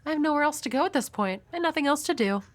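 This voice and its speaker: A woman's voice: sits high, expressive, fast. Himeno, a woman playing a flirty, world-weary devil hunter. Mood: wistful, resigned. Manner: teasing, coy, breathy at times. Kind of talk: intimate audio roleplay addressed to the listener.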